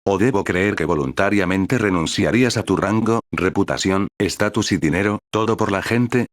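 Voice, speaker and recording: A man voicing a woman who speaks in a cold, calm tone. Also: low-pitched, normal speed, no room sound, clean studio sound, close to an everyday voice.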